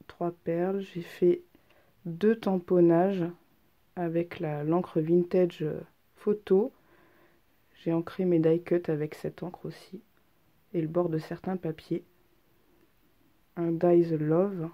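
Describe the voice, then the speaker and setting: Stuffy from a head cold, a female craft vlogger presents her handmade cards in a casual show-and-tell. Her lowish voice keeps a fairly even intonation, and she talks slowly with long pauses, chatty yet hesitant and peppered with ums. The audio is dull.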